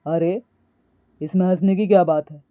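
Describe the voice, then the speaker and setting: A woman doing a low, firm young husband. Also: fairly even intonation, moderate pace, mellow, dry recording, close to an everyday voice. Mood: stern. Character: young husband, patient but annoyed.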